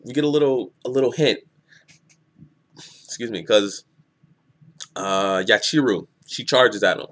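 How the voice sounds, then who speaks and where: A man giving a casual spoken review of a comic chapter, excitable and rambling, often restarting his sentences. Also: lowish voice, unhurried, pauses often. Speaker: manga reviewer.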